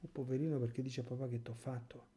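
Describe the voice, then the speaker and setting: A man mimicking a soft, whiny father pleading with his child. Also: mid-range voice, fairly even intonation, quick pace, natural voice.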